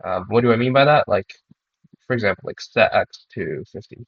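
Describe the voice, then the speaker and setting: Young man, sick, monotone, low voice, hesitant, math walkthrough, dull dry recording. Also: brisk, no echo. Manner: hesitant, many ums and restarts. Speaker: math club student presenter. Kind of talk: walking through a math problem.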